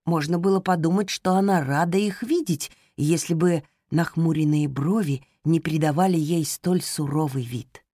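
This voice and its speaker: A woman reading a children's storybook aloud in a calm, even manner. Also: low-pitched, normal speed, few pauses, slightly rough, no room sound, studio quality. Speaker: narrator. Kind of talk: audiobook narration.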